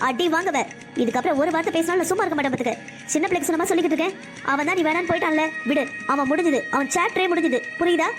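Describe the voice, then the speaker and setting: A woman's voice: very high-pitched, rapid-fire, over music. A woman voicing an earnest young wife in a cartoon. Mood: consoling. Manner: earnest, pleading, then firmly consoling. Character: young wife and teacher, earnest, caring friend. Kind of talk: cartoon voice acting.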